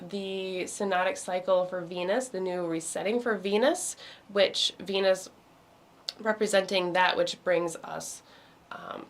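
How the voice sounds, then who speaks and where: Her voice starting to give out and slightly hoarse, a woman of medium pitch chats about astrology for the week. She hosts meditation, and her talk drifts loosely, heavy with ums and sentences she circles back to begin again, all sounding like it's coming through a computer on a video call.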